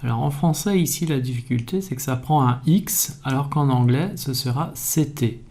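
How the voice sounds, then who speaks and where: A man calmly explaining spelling in a video lesson, methodical and even. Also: medium pitch, moderate pace. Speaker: French language teacher.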